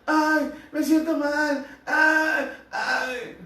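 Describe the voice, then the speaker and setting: A man voicing a flattering, deceitful male demon that whimpers and pleads. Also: very high-pitched, very slow, voice pushed up, exaggerated voice. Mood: whimpering. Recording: echoey room, heard from a distance.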